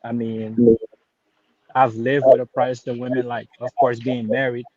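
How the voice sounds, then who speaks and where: A Haitian-born man in his thirties calls in to a live stream for a casual chat, pausing, restarting, using fillers, and slipping into laid-back slang as he goes. His voice is at an ordinary pitch with a level, darkish tone. The lo-fi sound is dry, slightly muffled, and free of echo.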